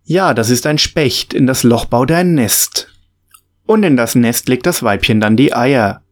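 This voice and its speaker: A man's voice: medium pitch, lively intonation, a little slow, close to an everyday voice. A man reading a storybook, voicing a friendly father who explains nature to his children in a patient, slightly raised voice. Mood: explaining.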